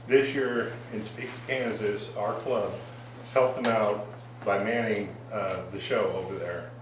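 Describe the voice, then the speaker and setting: A car club member offers a donation at a council meeting, speaking with a fairly low, steady voice at a measured pace. His public remarks are hesitant, crowded with fillers and false starts. Picked up by a distant mic in a very echoey council chamber, the recording has a noisy background.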